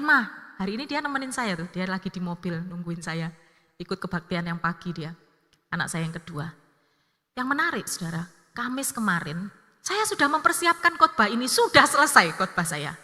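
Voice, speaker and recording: A woman, preaching a sermon as an evangelist and telling family stories with lively acted-out dialogue. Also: lowish voice, fairly quick. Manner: lively, acts out family dialogue in her story. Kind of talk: sermon with personal storytelling. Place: church hall. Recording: long church-hall reverb.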